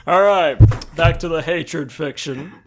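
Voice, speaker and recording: This is a man hosting a comedy podcast, reading absurd fan fiction aloud. He takes his time over each line, pausing as if for drama. Laughter keeps threatening to break through. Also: fairly high pitch, a little hiss or hum.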